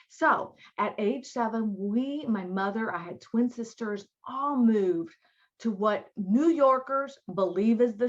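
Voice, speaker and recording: Born in New York City and raised in Miami, a woman with a Southern American accent gives a live online diversity training. Her mid-range voice comes through a muffled recording, and her chatty, folksy style speaks straight to her audience.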